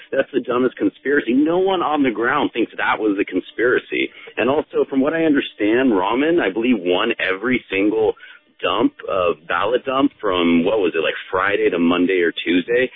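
An American man calling a radio show, giving his political opinions in an irritated, insistent way. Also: lowish voice. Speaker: radio call-in listener. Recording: tinny phone line.

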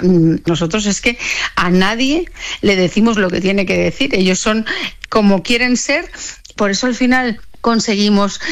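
A woman, a television producer, answering interview questions with enthusiasm and frequent repeated words. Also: medium pitch.

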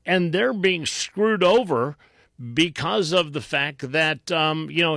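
A man chats on the radio, stopping and restarting as he gropes for his words. His voice is gravelly and a touch higher than most, recorded dry and close. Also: fairly bright tone, dry recording. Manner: halting, searching for words. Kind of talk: casual radio talk.

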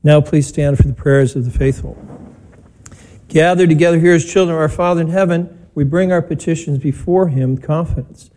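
A priest speaks into a pulpit microphone in a church, his voice mellow and warm but pitched a little high. He is measured and plain-spoken, with a touch of gentle humor, as he preaches and leads the spoken prayers of the Mass. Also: poor audio. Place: church during a broadcast Mass.

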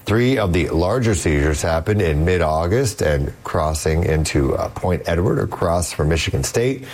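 Deep-voiced male news anchor. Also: expressive, moderate pace, a little mellow. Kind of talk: live breaking-news reading.

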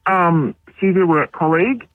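A woman's voice: lowish voice, no room sound. Woman caller through a voice changer. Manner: hesitant, halting. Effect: voice changer disguising the voice. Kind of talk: radio call-in. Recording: tinny phone line.

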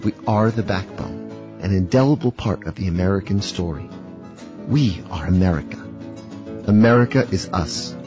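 Low-voiced man narrating over music. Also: normal speed, highs cut off. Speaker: commercial announcer. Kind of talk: scripted public-service narration.

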